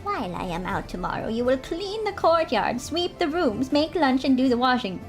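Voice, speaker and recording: A woman's voice: high voice, sing-song, moderate pace, soft background music, pitched above the performer's own voice. A woman putting on a bossy old child-eating witch. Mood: commanding. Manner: commanding, barking orders. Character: old female witch who eats children.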